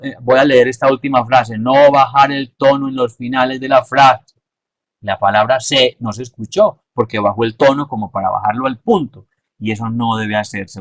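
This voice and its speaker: A man giving a measured, explanatory lesson and stressing his key points. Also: medium pitch, no echo. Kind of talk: instructional talk.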